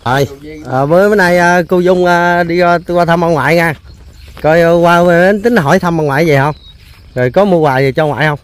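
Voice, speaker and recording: A man's voice: a little high, fairly even intonation, a little fast. A man hosting a casual on-location interview, chatty and full of hesitation fillers and repeated words. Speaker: host.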